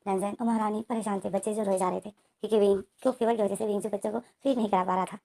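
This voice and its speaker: Woman, storyteller, chatty retelling, quick, warm and mellow. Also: mid-range voice, steady tone, gravelly. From India. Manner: chatty, retells the plot and voices the characters' lines herself. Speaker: story narrator. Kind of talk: casual retelling of a fan fiction story.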